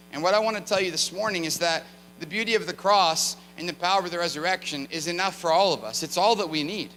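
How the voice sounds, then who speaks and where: A man preaching a sermon as a guest speaker, telling a story in a casual, animated way with asides to the congregation. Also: sits high, big-room sound, slight background noise, rough recording. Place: church sanctuary.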